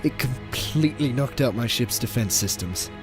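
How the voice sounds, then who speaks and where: Megalomaniac alien villain , male actor, mid-pitched, smug and contemptuous, theatrical delivery over prominent music. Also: expressive, moderate pace, lightly acted. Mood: bitter recounting. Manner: theatrical, gloating, disdainful. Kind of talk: audio drama villain acting. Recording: fan audio play under loud music.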